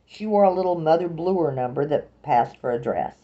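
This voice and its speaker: A woman's voice: low-pitched, lively intonation, normal speed, highs cut off. A woman from Alabama with a Southern accent, reading a first-person novel aloud with a dry, wry delivery. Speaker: audiobook narrator.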